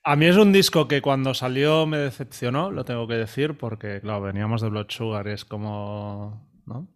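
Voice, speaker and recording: A man weighs his opinion in a reflective way during a casual debate. His voice is mid-pitched and even. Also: normal speed. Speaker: panelist.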